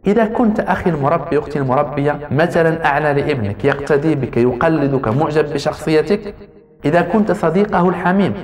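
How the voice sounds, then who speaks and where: Fast-talking lecturer in an echoey hall. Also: male voice, a little high, a little mellow. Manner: addresses listeners directly with rhetorical repetition. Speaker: parenting lecturer. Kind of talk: lecture on child-rearing. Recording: roomy hall with long reverb.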